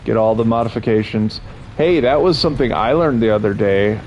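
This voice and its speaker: Here a young man streams a game and rambles to his chat in casual commentary, clearly entertained by his own remarks. He speaks a little fast in a fairly low, slightly mellow voice, over a slightly dull recording with faint game sounds.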